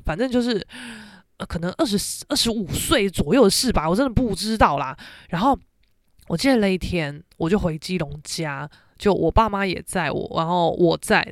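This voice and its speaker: A woman's voice: mid-range voice, no echo, clean studio sound. A young woman with a Taiwanese Mandarin accent, hosting a podcast and telling family stories casually, acting out the voices of relatives. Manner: animated, acts out family members' voices. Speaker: podcast host. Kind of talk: casual storytelling.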